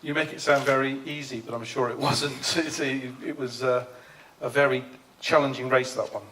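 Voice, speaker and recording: A man at a middle pitch runs a press conference, introducing drivers and asking questions. He talks casually and upbeat, in a chatty way. The room around him sounds roomy, with faint noise behind. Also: fairly even intonation, normal speed, fairly bright tone.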